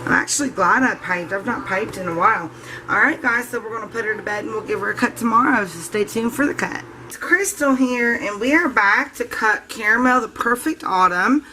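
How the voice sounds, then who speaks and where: A woman's voice: fairly high pitch, brisk, sharp tone, slight background noise. A woman hosting a soap-making channel, chatting casually to viewers while she demonstrates and cuts her soap. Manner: chatty, addresses viewers as guys.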